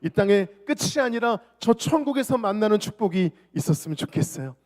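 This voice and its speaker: A man's voice: high-pitched, lively intonation, brisk. A male pastor preaching an evangelistic sermon, telling a personal story earnestly and addressing the congregation directly. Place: church sanctuary. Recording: long church reverb with music underneath. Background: soft worship music.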